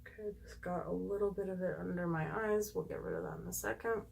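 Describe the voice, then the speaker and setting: Slightly squeaky woman chatting through makeup. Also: big pitch swings, quick pace, creaky, a little mellow, a little hiss or hum. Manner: gushing, emphatic, thinking aloud while applying makeup. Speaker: makeup tutorial vlogger. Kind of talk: casual chatty makeup tutorial talking to viewers.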